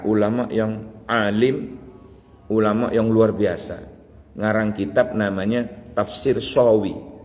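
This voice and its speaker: A man's voice: lowish voice, long reverb tail. A man with a Javanese accent giving a dawn study sermon, teaching in a folksy way with chuckles and Javanese asides. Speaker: preacher.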